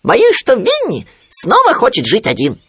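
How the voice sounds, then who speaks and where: A squeaky, jittery little piglet in a storybook, very high and eager, swinging wildly in pitch. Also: male voice, huge pitch swings, unhurried, fairly bright tone, breathy edge, dry recording, heavily acted. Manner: stammers when nervous. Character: timid excitable little male piglet.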